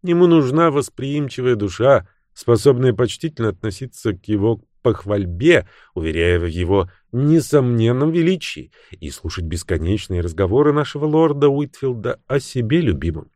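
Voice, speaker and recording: A cool, sharp-tongued young woman with a mocking edge, as a male narrator puts her on. Her voice sits higher than his own and swings widely. The recording is close and dry. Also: lively intonation, normal speed, few pauses, no echo, close to an everyday voice.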